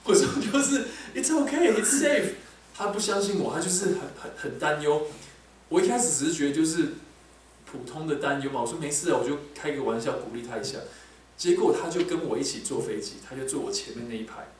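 Animated preacher man in echoey hall. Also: a little high, fast. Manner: animated, rhetorical questions to the congregation. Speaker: pastor. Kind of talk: sermon. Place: large echoey hall, church. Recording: very echoey hall, distant mic, faint background noise.

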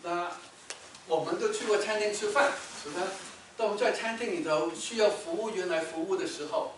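A man preaching a sermon as a pastor, telling a story with rhetorical questions and loud bursts when he quotes someone shouting. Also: high voice, brisk, a little hiss or hum. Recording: echoey hall, mic from far off.

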